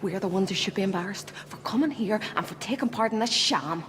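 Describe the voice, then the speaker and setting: A woman's voice: medium pitch, expressive, fairly quick, big-room sound, noisy background, close to an everyday voice. An actress with a Northern Irish accent playing a blunt, sweary young woman who mocks everyone in sitcom fashion. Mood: scornful. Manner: sweary, sarcastic, mocking. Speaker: friend at an art exhibition. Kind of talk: sitcom acting.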